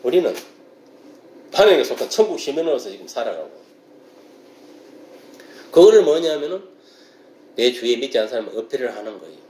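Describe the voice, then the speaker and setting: A man's voice: mid-range voice, big pitch swings, a little fast, long pauses, darkish tone. Emphatic man preaching in an echoey room. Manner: emphatic, repeats rhetorical questions to the congregation. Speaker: pastor. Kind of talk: sermon.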